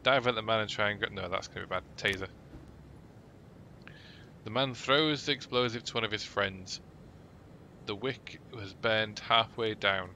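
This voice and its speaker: A man's voice: on the low side, moderate pace, pauses often, sharp tone, slight background noise. A man playing a police management game, reading its dialogue and event text aloud with dry asides. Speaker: gaming YouTuber.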